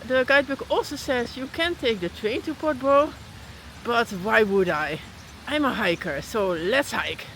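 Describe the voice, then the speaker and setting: A woman's voice: fairly high pitch, lively intonation, measured pace, poor audio. A woman hiking vlogger talking casually outdoors on a mountain trail in the rain, chatty with frequent fillers. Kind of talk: casual vlog narration while hiking.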